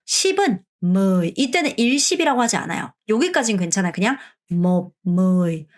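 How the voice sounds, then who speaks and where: A middle-aged woman from Korea teaches an online language lesson in a voice of ordinary pitch. She explains each point in friendly classroom talk, then slows right down and repeats the words with care so learners can copy them. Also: sing-song.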